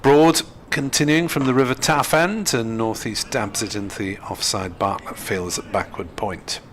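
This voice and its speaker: A man giving live cricket commentary in a measured, hesitant, dryly humorous manner. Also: on the low side, a bit bright, a little hiss or hum.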